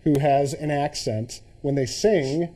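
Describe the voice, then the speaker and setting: Friendly male morning anchor, mellow, husky tone. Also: a little high, slow. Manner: friendly, enthusiastic banter. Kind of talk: TV news chat.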